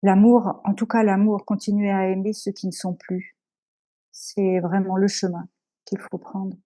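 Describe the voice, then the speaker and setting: A woman giving an earnest, emotional personal testimony as an interview guest, halting with many pauses and restarts. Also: mid-range voice, little pitch movement, dark tone.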